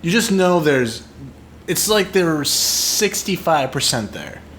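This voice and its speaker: A man's voice: a little high, lively intonation, slow, fairly bright tone, slight background noise. A young man co-hosting a podcast, talking bluntly and dryly about a film in casual chat. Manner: blunt, dry, swears. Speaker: podcast co-host.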